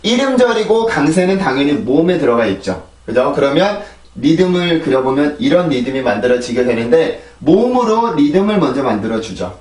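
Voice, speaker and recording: A man's voice: a little high, very animated, brisk, a little mellow, recorded from a distance. Korean man teaching pronunciation in a roomy space. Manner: explains patiently, drilling words in repeated sets. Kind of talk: pronunciation lesson. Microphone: clip-on mic on a phone camera.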